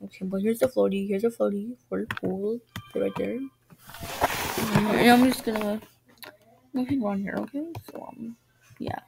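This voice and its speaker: A woman's voice: medium pitch, fairly even intonation, moderate pace, creaky, long pauses, background noise. Rambling woman narrating a game role-play. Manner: rambling, hesitant, filler-heavy. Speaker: roleplay video creator.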